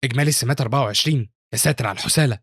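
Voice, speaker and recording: A man's voice: medium pitch, very fast, a bit bright, breathy edge, no room sound, clean studio sound. A man with an Egyptian Arabic accent voicing a harsh, angry male academy teacher who barks out scorn. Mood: scornful. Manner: scornful, barking.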